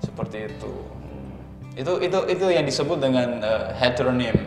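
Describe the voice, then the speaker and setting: A man with an Indonesian accent teaching English pronunciation in casual chat, patiently explaining and slowly modeling words. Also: medium pitch, lively intonation. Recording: echoey room with guitar music.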